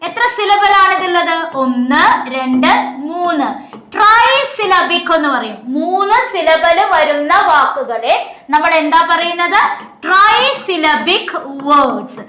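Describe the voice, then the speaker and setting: A woman teaching an exam coaching class. She poses questions and answers them herself, reading slowly and explaining quickly. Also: very high-pitched, big pitch swings, sharp tone, echoey room. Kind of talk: online class lecture.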